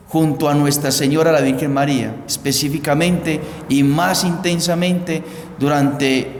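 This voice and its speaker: Slow priest with cathedral echo. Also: male voice, on the high side. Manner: slow, measured liturgical delivery. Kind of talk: Pentecost homily and Gospel reading. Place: large church. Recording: echoey church hall, faint background hiss.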